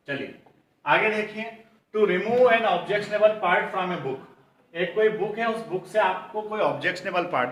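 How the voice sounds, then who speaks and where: A man with an Indian accent, teaching English vocabulary for an exam-prep class. He calls his students children, keeps asking them for the answer, and reads the English definitions slowly. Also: sits high, fairly bright tone, distant mic. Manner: addresses students as children, drills answers by repeating questions. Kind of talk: online coaching lesson. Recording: roomy echo, voice somewhat off-mic.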